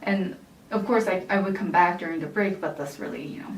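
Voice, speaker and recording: A young woman from South Korea chatting casually in an interview, relaxed and thoughtful, with many fillers. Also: lowish voice, brisk, a little hiss or hum. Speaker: interviewee, university staff member. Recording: roomy echo, mic at a distance.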